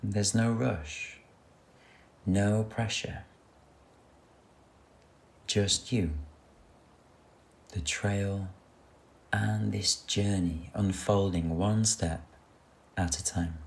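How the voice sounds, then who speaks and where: A man's low voice with a creaky edge guides a meditation over soft background music. Speaking very slowly and soothingly with fairly even intonation, he gives gentle instructions.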